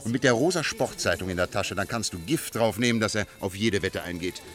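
A man playing Sherlock Holmes, low and assured. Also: fairly bright tone, natural voice. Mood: confident. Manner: brisk, ironic, self-assured. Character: Sherlock Holmes, sharp, amused, commanding detective. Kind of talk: 1950s radio drama acting.

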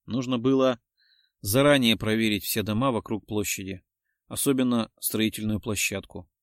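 A man's voice: lowish voice, moderate pace, no echo, clean studio sound. A man narrating a detective novel as an audiobook, with dramatic storytelling.

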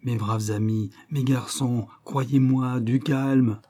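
Guy reading as a take-charge detective, firm and soothing, pitched up a bit, mellow warm tone, audiobook. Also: fairly even intonation, normal speed, lightly acted. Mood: reassuring. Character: commanding, reassuring male detective, middle-aged.

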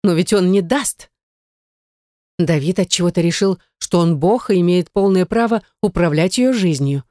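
A woman with a lowish, mellow voice narrating a novel. She reads every character's lines in her own voice. The recording is dry and close. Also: normal speed, no room sound. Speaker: audiobook narrator. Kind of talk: scripted narration.

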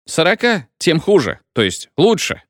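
A man's voice: on the high side, wildly swooping pitch, measured pace, no room sound, studio quality, pitched above the performer's own voice. A man doing a drunken, hiccuping village medic. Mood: tipsy lecturing. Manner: drunken, hiccuping, sing-song lecturing. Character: drunken rural male medic, pompous and rambling.

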